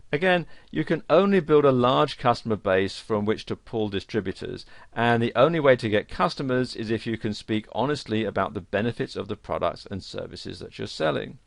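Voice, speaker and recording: A man reading a scripted instructional narration for an online course, with a lively, emphatic delivery. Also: fairly low pitch, creaky, dry recording.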